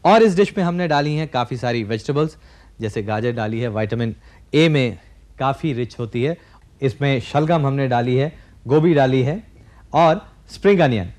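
A man's voice: mid-range voice, expressive, moderate pace, a little mellow. A man in his forties hosting a televised cooking demonstration in a studio kitchen, explaining each step directly to viewers. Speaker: TV cooking show host.

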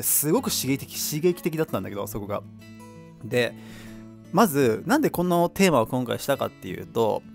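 Male radio host, casual solo talk, animated delivery, quick, faint guitar behind. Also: medium pitch. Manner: chatty, lively, laughs at himself.

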